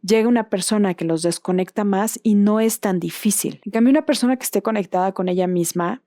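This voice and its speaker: A Mexican woman hosts her podcast in a relaxed, explanatory monologue, often checking in with a questioning tag at the end of a thought. Her voice is warm and mellow, and it is recorded dry and close, with no room sound. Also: mid-range voice, a little fast, dry recording. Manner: explanatory, often ending points with questioning tags. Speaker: podcast host.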